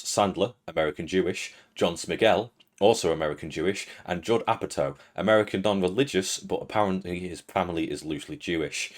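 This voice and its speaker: A young British man with a deep voice and British accent hosts an online video essay show. He reads a prepared critical commentary in a measured, dry, earnest manner.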